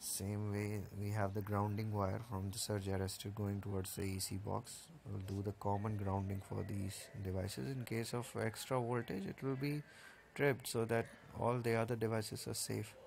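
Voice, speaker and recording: A man with a low, gravelly voice that stays fairly flat as he talks through the wiring. He explains each part plainly, one step at a time, pausing on the odd "uh". A faint hiss of outdoor noise sits underneath. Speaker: solar installer explaining a setup. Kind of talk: casual technical walkthrough. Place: outdoors at a rooftop solar installation.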